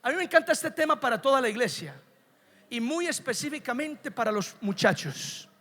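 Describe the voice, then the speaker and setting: Guy preaching, really high bright voice, gets loud then quiet, big echoey church. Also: expressive, moderate pace. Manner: emphatic, swings from soft to shouting. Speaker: pastor. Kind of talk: sermon. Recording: long church reverb.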